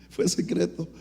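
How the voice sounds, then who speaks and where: A middle-aged man with a Mexican Spanish accent preaching a sermon as pastor, swinging from quick storytelling asides to rising emphatic bursts. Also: mellow, slight background noise. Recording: long hall reverb.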